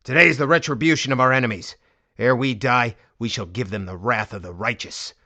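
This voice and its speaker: A man playing a defiant warrior commander in a fantasy audiobook, with a hoarse, cracking but strong voice and an impassioned, oratorical delivery. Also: mid-range voice, brisk, pushed and bright. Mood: rousing, resolute. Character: defiant, fervent male warrior commander rallying his army. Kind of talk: dramatic fantasy audiobook acting.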